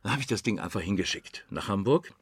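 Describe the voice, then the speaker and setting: A man's voice: on the low side, fast, slightly rough. An older man, a former news anchor and actor, telling anecdotes as a podcast guest, acting out the voices he quotes and often adding "ne?". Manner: animated, acts out quoted voices, frequent "ne?". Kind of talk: casual anecdotal storytelling. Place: podcast studio.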